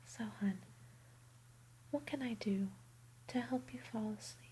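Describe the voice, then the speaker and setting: A woman whispering softly and soothingly in a bedtime ASMR roleplay. Her voice sits a little high and stays mellow, and she speaks very slowly. A faint hum runs underneath. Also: low-quality recording.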